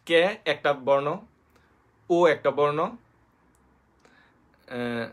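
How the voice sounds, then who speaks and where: A man with a Bangladeshi Bengali accent hosts an informal live-stream lesson, his voice sitting a little high for a man. He spells letters out slowly one at a time and pads his talk with plenty of fillers and restarts. He stays chatty throughout and greets viewers by name as he goes. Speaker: host teaching basic Japanese.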